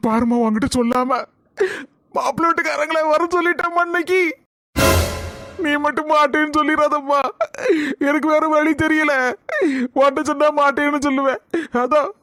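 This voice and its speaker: A woman voicing an aging, worried village father who pleads softly and near tears, in a cartoon comedy. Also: a little high, fairly quick, dry recording, studio quality, faint music behind, lightly acted. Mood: tearful pleading. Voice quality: soft, pleading, tearful.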